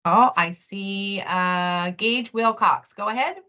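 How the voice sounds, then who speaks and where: Woman, online session host. Crisp bright tone, informal moderating, slightly dull call audio. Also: mid-range voice, slow. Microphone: video call. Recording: muffled video call audio.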